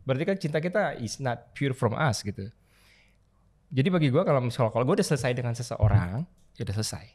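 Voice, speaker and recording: Male podcast guest, mid pitch, musing and hesitant, code-switching, casual. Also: animated, fast, darkish tone. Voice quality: mixes English phrases into speech, hesitant with many fillers. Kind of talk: casual chat.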